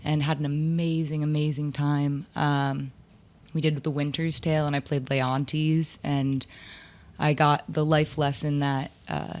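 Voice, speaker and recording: A woman in her twenties with a low voice tells anecdotes about her life in theater during a casual interview. She talks in a chatty, lively way and scatters "like" through her sentences. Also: a little slow. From upstate New York. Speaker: theater actor and lighting designer, guest.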